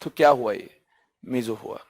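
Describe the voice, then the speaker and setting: A man's voice: mid-range voice, normal speed. A man teaching chemistry, asking rhetorical questions and answering them himself, stretching out key terms for emphasis. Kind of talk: online lecture.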